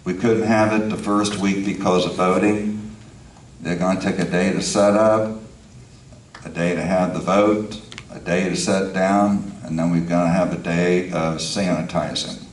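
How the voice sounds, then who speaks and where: Deep-voiced man talking through a face mask. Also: fairly even intonation, a little slow. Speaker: meeting chair. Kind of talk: chairing a community board meeting. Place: indoor meeting room, far from mic. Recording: distant, echoey meeting room with noise.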